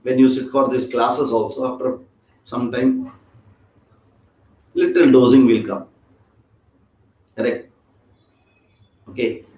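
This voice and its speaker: A man with an Indian accent and a medium-pitched, slightly mellow voice teaches an informal scripture class in a room with a roomy echo. He's chatty and joking, often checking in with his listeners.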